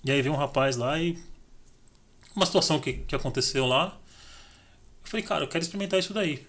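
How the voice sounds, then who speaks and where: A middle-aged man from Brazil, fairly high-pitched and fast, is a podcast guest telling his life story in relaxed conversation. He's animated and acts out the dialogue.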